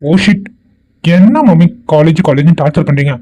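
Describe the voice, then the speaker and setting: A man's voice: on the high side, moderate pace, dark tone, lightly acted. A man voicing a lazy young college student, whiny and petulant.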